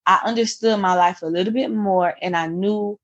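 A young adult woman appears as a guest author on a podcast, telling her life story in an earnest, reflective way, often restarting sentences and saying "you know." Her voice is mid-range at a normal speed, and the sound is lo-fi.

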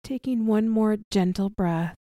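A woman leading a guided body relaxation as an instructor, speaking softly and soothingly with long pauses between short phrases. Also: mid-range voice, no echo, clean studio sound. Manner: soft, gentle, soothing delivery with long pauses. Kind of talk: guided somatic relaxation practice.

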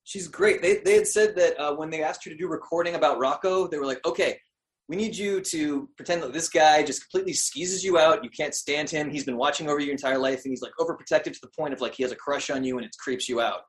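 A man's voice: fairly high pitch, fast talker. A man co-hosting a casual podcast about a cartoon, talking eagerly and often stammering as he restarts a sentence. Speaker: podcast co-host.

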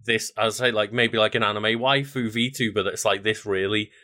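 A man co-hosting a podcast in casual chat, rambling with many filler words and relaxed swearing. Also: on the low side, moderate pace. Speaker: podcast co-host.

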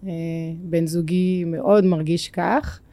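This French woman's voice is low-ish, gravelly and mellow, with fairly steady intonation and no room sound. She is a native French speaker from France, speaking accented Hebrew as a podcast guest, reflective and groping for words in a personal interview.

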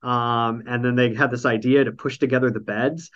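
Man, nasal, smooth resonant voice, casual podcast recap, rambling with fillers, dry humor, slightly muffled audio. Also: mid-range voice, steady tone, moderate pace, fairly bright tone. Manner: rambling, full of ums and dry jokes. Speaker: podcast host recapping a reality show. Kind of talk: casual chat. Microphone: online call.

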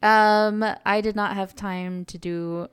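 A woman's voice: mid-range voice, fairly even intonation, slow, clear, resonant tone. A woman chatting casually as a podcast guest, talking with lots of fillers and laughs. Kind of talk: casual chat.

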